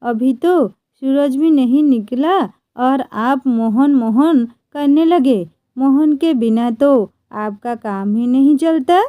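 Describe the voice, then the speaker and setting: A woman's voice: high voice, slow, mellow, dry recording. A woman voicing a bold young landlord's daughter in a read-aloud story, confident and teasing. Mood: assertive.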